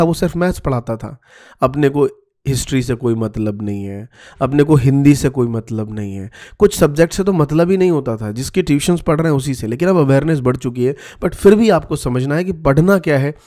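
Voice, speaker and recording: A man's voice: medium pitch, mellow. A man giving students direct study advice in a motivational talk, often slipping English words into it. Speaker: YouTube study-tips presenter.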